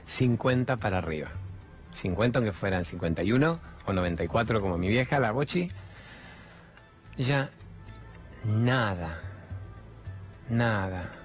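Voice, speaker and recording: A man's voice: lowish voice, animated, unhurried, long pauses, soft background music. A middle-aged man with a Rioplatense Spanish accent gives a spiritual self-help talk. He speaks emphatically, asks rhetorical questions and uses colloquial slang.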